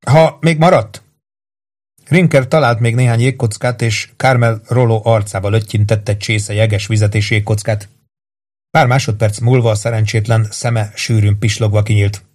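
A man reading a crime thriller audiobook in a steady, even narrating voice. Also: lowish voice. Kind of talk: scripted narration.

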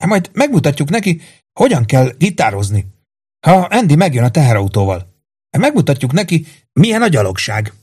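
A man voicing a nervous, hurried young male infantry soldier. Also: mid-range voice, sing-song, husky, pitched above the performer's own voice.

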